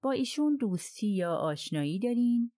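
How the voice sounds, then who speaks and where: A woman's voice: on the high side, big pitch swings, dark tone, no echo, clean studio sound, pitched above the performer's own voice. A woman reading the part of a persistent foreign detective in an audiobook, probing with polite persuasion. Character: persistent foreign detective questioning witness, man.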